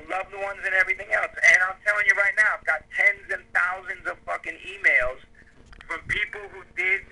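Profane, bright-voiced man in his fifties. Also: sits high, poor audio. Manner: profane, emphatic, stammering restarts. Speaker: guest author. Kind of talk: casual podcast conversation.

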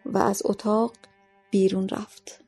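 A woman narrating a short story for a podcast in a calm, measured reading voice. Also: mid-range voice, loud music behind the voice.

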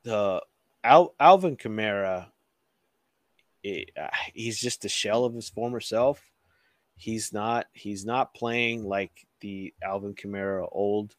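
A man's voice: fairly low pitch, no echo. Laughing, cursing man chatting about football. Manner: profane, laughs often, halting restarts. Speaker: podcast co-host. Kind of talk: casual sports chat.

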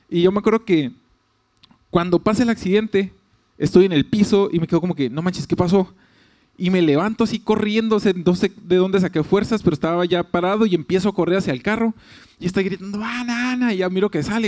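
Chatty Mexican man, slightly high voice. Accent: Mexican Spanish. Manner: animated, chatty, fillers, laughs, quotes others. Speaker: storyteller. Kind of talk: casual storytelling.

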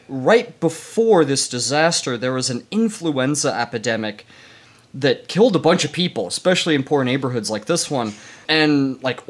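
Man, casual podcast storyteller, fairly high voice, filler-heavy. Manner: rambling storyteller with many fillers. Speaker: podcast co-host. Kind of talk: casual history chat.

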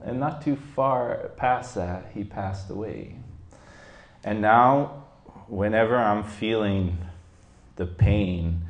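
A man telling a reflective personal story to a group, halting, with many fillers. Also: deep voice. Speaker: group participant sharing a story. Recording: roomy echo.

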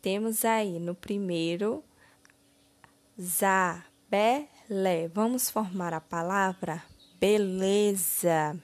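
A woman teacher with a Brazilian Portuguese accent going through a children's exercise, stretching each word slowly and clearly. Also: medium pitch, darkish tone. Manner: slow, deliberate, syllable-by-syllable word stretching. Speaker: primary school teacher. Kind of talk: slow, clear lesson narration.

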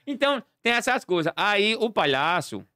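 A man, a clown and party entertainer, telling animated stories as a podcast guest and acting out the dialogue. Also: high-pitched, normal speed, dry recording, clean studio sound. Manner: animated storyteller acting out dialogue, laughing often.

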